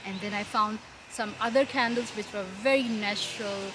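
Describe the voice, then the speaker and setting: A woman's voice: medium pitch, fairly even intonation, moderate pace. A young adult woman from Pakistan, chatting as an interview guest in a friendly way, restarting her sentences often. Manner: friendly, with frequent restarts and fillers. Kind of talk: casual interview. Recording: noisy background.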